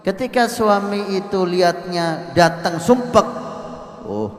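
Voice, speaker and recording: Animated preacher in an echoey hall. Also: male voice, high-pitched, takes it slowly. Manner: lively storytelling, acting out the people in his stories. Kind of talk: Islamic sermon to a congregation. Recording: echoey hall, roomy PA sound.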